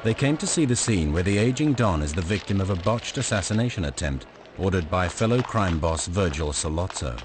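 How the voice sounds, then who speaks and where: A man giving steady scripted narration for a film documentary. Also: deep voice, fairly quick, hardly any pauses, very noisy.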